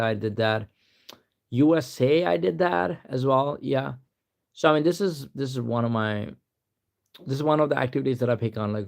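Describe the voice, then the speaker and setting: On a live stream, a young man from Pakistan speaks with a creaky, medium-pitched voice and a Pakistani accent. He rambles casually, reads answers out loud, and keeps saying "to be honest."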